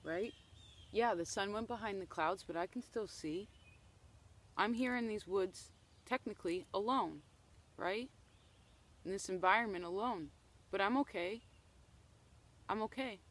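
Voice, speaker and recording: Out in the woods, a tarot reader gives a casual reading, speaking loosely and often checking in with "okay?". Her voice is medium in pitch, a little slow, with frequent pauses.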